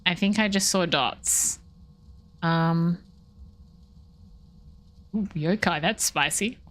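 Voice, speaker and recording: A woman's voice: fairly low pitch, slow, fairly bright tone. A young woman chatting casually while streaming a game, rambling and breaking off mid-thought. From Australia. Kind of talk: casual chat while gaming live.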